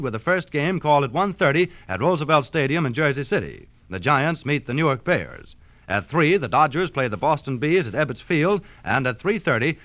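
Lively-voiced man reading sports news. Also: mid-range voice, dry recording. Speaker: sports announcer. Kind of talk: 1939 radio sports report.

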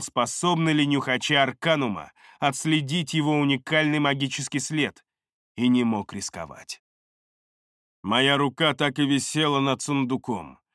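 A man reading first-person fantasy narration for an audiobook, calm and measured, on a close studio mic. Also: mid-range voice, no echo.

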